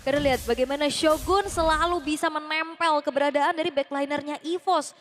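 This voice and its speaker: High-pitched Indonesian female esports caster. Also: fairly even intonation, brisk. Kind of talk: live analytical match commentary.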